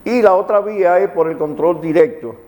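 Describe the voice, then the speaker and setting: A man's voice: high voice, moderate pace, darkish tone. A man with a Caribbean Spanish accent from the Dominican Republic explains legal matters didactically on a television programme, repeating his key points. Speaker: magistrate, legal commentator on a TV programme. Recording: reverberant hall-like sound.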